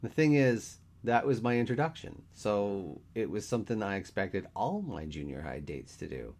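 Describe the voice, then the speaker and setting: Guy reading as a dry teasing young dude, lower voice, bounces around a lot. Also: lively intonation, moderate pace, a little mellow.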